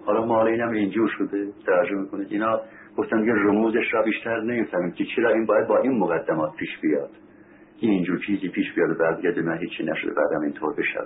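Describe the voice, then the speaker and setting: A man's voice: fairly low pitch, steady tone. A man preaching a sermon as a story, repeating phrases for emphasis, asking his listeners rhetorical questions and reciting Arabic scripture. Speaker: religious preacher. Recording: tinny phone-like recording with faint hiss.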